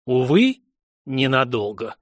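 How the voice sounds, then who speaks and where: A man narrating a fantasy audiobook in an expressive, dramatic reading style. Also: medium pitch, slow, a little hiss or hum.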